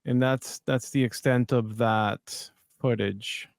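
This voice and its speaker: A man's voice: medium pitch, steady tone, slow, creaky, no echo, studio quality. Casual man commenting on a video. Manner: conversational, hesitant, with restarts. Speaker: podcast host.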